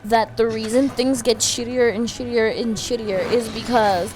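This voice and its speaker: A woman's voice: fairly high pitch, fairly even intonation, normal speed, background noise. Emphatic, profane woman streamer from Puerto Rico. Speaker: let's-play streamer. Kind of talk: casual chat over gameplay.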